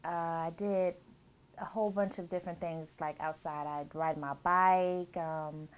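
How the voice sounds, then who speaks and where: She speaks at a measured pace in a lowish voice with fairly even intonation, and a slight hiss or hum can be heard. A bride-to-be in her thirties who grew up in Germany, she gives relaxed interview answers, cheerfully recalling her childhood with plenty of laughs and fillers.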